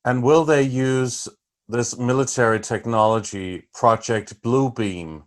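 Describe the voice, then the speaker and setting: A man's voice: medium pitch, slow pace. A male host asking long, winding interview questions, restarting often.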